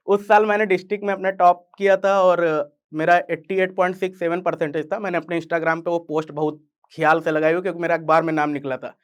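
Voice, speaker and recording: A man's voice: sits high, smooth. A young man from eastern Uttar Pradesh with a Purvanchal Hindi accent, close to Bihari, telling his own story in a casual, chatty way. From Purvanchal, Uttar Pradesh, India. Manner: casual, chatty, addresses listeners as yaar. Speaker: content creator and guest speaker. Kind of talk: storytelling talk.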